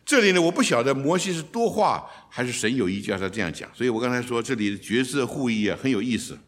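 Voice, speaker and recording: Animated male Bible teacher. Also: quick pace. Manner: animated, acts out quoted lines with sudden pitch jumps. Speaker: seminary teacher and preacher.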